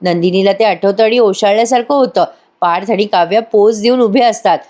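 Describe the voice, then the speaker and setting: A woman's voice: medium pitch, fairly quick, a little mellow. A woman narrating a voice-over recap of a TV serial episode in a chatty storytelling manner, talking to her listeners.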